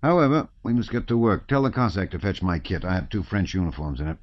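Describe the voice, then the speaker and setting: A man voicing a cold, ironic, daring army officer who talks briskly, in a dull lo-fi audiobook recording. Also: deep voice, expressive, no echo, voice pushed up.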